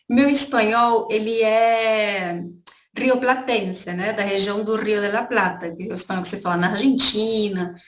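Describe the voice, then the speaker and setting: A woman's voice: a little high, reverberant. A Brazilian woman teaching an online Spanish lesson, explaining points and checking in with her students. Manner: explanatory, repeats points with "tá?" and "gente".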